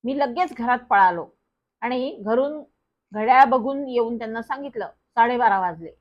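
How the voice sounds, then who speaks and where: High-voiced woman telling a children's story. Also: normal speed. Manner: lively first-person storytelling. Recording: dull lo-fi recording.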